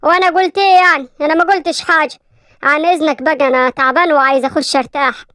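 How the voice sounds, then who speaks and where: A woman playing an irritable young Egyptian man who snaps and sneers at everyone. The voice is high and rapid, recorded close and dry for a cartoon story. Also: fairly even intonation, dry recording. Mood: scornful. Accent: Egyptian Arabic. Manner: scornful, snapping, shouting. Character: hot-tempered rich young man of 25.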